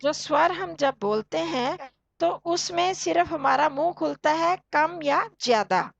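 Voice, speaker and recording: A woman teaching an online class, patiently explaining step by step and reciting sounds slowly for students to repeat. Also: high-pitched, gravelly. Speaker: Sanskrit teacher. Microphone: online call audio.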